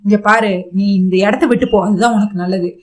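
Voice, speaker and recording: A woman voicing a grieving young man who tries to send his wife away, in a fast, self-pitying retelling. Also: medium pitch, steady tone, darkish tone, lightly acted. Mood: sorrowful.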